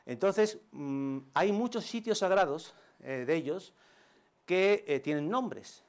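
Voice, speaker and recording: A middle-aged male schoolteacher giving a conference talk, animated and full of joking examples. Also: a little high, slow pace. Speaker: primary school teacher. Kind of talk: conference presentation.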